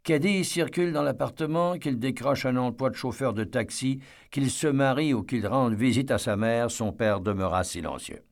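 A man reading a novel aloud as a narrator, in a measured, steady storytelling manner. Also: medium pitch, gravelly. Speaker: audiobook narrator. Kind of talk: scripted narration.

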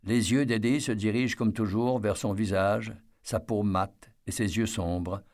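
A man narrating a novel as an audiobook, in a measured storytelling manner. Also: fairly low pitch, fairly even intonation, darkish tone.

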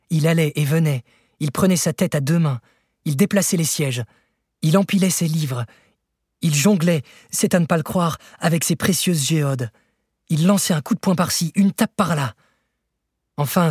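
Husky male audiobook narrator. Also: on the high side, normal speed, a little mellow, dry recording, clean studio sound. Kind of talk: scripted literary narration.

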